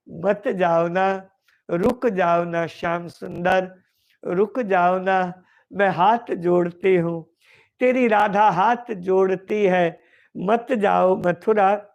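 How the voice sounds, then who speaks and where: A man voicing a lovesick young goddess, slow and pleading. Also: high-pitched. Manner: tearful, repeats pleading words over and over. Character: lovesick young divine woman pleading with her beloved. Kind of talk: devotional storytelling.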